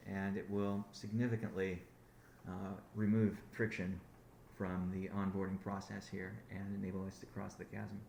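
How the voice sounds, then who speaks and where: On a conference call, a company founder rambles through a business update, correcting himself and restarting sentences again and again. His low voice barely moves in pitch, with a moderate pace, vocal fry and a slightly mellow quality. The room is echoey, and there's a bit of hiss or hum.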